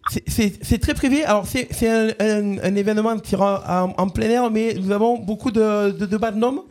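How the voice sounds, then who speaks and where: A radio host doing a prank call, voicing a bumbling corporate communications manager who stammers and repeats himself. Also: male voice, high voice, moderate pace, a little mellow, a little hiss or hum. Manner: stammering, hesitant, repeats words.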